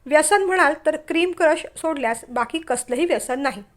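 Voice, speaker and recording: A woman's voice: high voice, expressive, a little fast. Woman reading as a touchy young bank clerk. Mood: stiff. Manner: irritated, lecturing.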